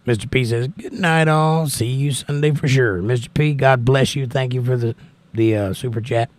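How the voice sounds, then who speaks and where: A man's voice: mid-range voice, normal speed, no room sound. An American man with a crackly voice chats casually as a livestream host, reading out messages and thanking people in a folksy way. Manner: folksy, thanking and blessing listeners. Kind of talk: casual live chat, reading out viewer messages.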